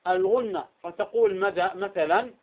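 A man's voice: high voice, normal speed. A man teaching Quran recitation rules, constantly asking quiz questions and answering them himself. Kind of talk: tajweed lesson. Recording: tinny phone-like line.

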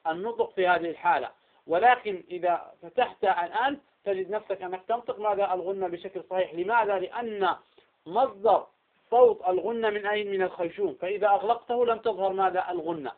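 High-voiced man teaching over a tinny line. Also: quick pace. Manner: keeps asking quiz questions and answering them himself. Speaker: Quran recitation teacher. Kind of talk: tajweed lesson.

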